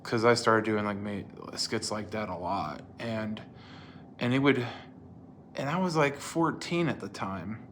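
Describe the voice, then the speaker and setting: Rambling low-voiced man telling a story. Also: a little slow, fairly bright tone, a little hiss or hum. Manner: rambling, with fillers and restarts. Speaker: creator recalling his old series. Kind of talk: casual storytelling to camera.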